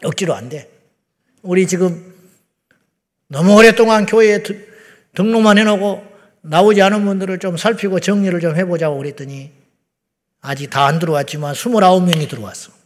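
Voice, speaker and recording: Blunt, high-voiced preaching man in a reverberant sanctuary. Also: brisk, long pauses. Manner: blunt, conversational preaching with rhetorical questions and sudden drops to a low voice. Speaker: pastor. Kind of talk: sermon. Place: large church sanctuary. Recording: long reverb of a church sanctuary.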